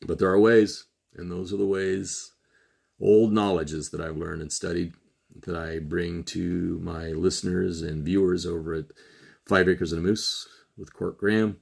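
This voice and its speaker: A middle-aged man hosting a solo commentary show, urging listeners earnestly with slow, emphatic pauses. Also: low-pitched, steady tone, vocal fry, a little mellow, breathy edge. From Trinidad and Tobago. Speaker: podcast host.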